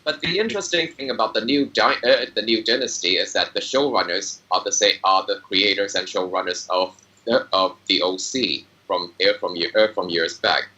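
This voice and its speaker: Low bright-voiced man, mic far off. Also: moderate pace. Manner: hesitant, lots of uhs, dry asides. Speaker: panelist. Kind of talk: casual panel chat. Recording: distant mic.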